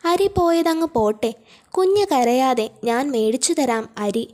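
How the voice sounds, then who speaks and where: A woman reading the part of a proud, kind rickshaw puller who gently soothes a child, in an audiobook. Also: high-pitched, expressive, unhurried. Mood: reassuring.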